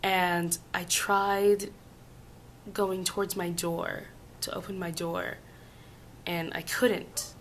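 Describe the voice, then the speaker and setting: A woman vlogging casually about personal experiences in a halting way, hoarse and sick, her voice giving out into whispers. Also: lowish voice, flat delivery, a little hiss or hum. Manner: halting, hesitant, with long pauses. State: sick with flu and laryngitis. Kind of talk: casual personal storytelling to camera.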